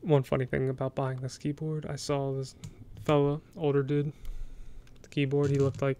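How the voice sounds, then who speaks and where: An American man hosting a soft-spoken ASMR show-and-tell, talking in a casual, rambling, hesitant way. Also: medium pitch, flat delivery, moderate pace, clear, resonant tone. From United States. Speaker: ASMR video host.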